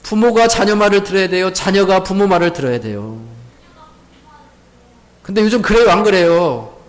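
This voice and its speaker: High-voiced male pastor preaching. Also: moderate pace. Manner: asks the congregation rhetorical questions and repeats key words; leads the congregation in call-and-repeat. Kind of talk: Sunday sermon. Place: church sanctuary.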